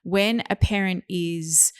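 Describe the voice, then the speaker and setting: A woman with a slightly low voice gives gentle parenting advice in an earnest, conversational way. She slips into short quoted lines as parents or kids, and the sound is close and dry. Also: slow pace, smooth, no echo. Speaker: podcast guest, parenting educator. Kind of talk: conversational interview, explaining.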